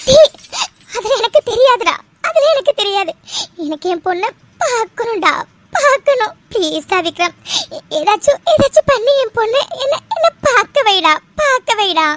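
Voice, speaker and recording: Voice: very high voice, expressive, moderate pace, a bit bright, no room sound. A performer voicing a middle-aged mother in a cartoon who pleads, sobbing, to see her daughter again. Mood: pleading, tearful. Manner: pleading, sobbing, repeats herself. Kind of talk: cartoon voice acting.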